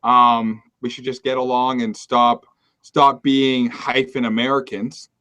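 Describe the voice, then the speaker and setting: A man from Maine co-hosting a casual political talk show. He rants in a joking, sarcastic way. His voice sits at an ordinary middle pitch. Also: level tone, a little slow, sharp tone. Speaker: podcast co-host.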